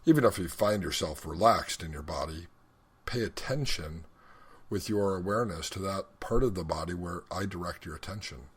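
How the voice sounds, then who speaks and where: A man with a low-sitting, husky voice serves as instructor for a guided meditation. He speaks in a measured, instructional way, leaving deliberate pauses.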